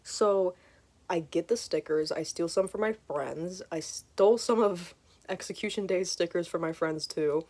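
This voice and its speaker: A woman in her twenties telling a story casually at home, animated and swearing freely. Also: on the low side, measured pace. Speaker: vlogger. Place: hot room at home with a fan on. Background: faint fan hum.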